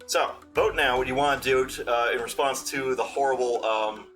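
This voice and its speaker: A man running a tabletop game as game master for a live chat, narrating casually and haltingly as he improvises aloud. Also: mid-range voice, fairly even intonation, a bit bright. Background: music.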